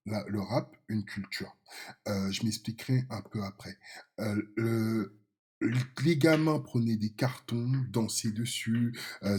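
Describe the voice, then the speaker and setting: A man in his fifties who grew up in France, answering interview questions in a halting way, with many fillers and restarts. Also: medium pitch, darkish tone, slightly rough. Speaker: podcast guest. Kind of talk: casual interview talk.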